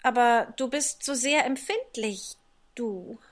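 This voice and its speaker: A man's voice: extremely high pitch, takes it slowly, fairly bright tone, voice pushed up, full character voice. A man voicing a polite, curious and eager little girl in an audiobook reading. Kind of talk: audiobook character voice.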